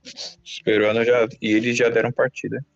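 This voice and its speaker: A man's voice: medium pitch, normal speed, vocal fry, no room sound. A Brazilian man streaming a mobile game, chatting casually in slang with frequent restarts. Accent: Brazilian Portuguese. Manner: relaxed slangy talk with many restarts. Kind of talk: casual gaming chat. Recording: dull lo-fi mic with game music.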